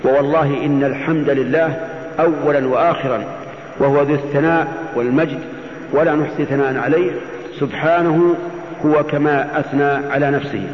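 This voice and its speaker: A man's voice: on the high side, fairly even intonation, brisk. A man teaching as a religious scholar, giving Quran commentary in classical Arabic and often posing questions that he then answers. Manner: didactic, poses questions and answers them. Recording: muffled, echoey hall, faint noise.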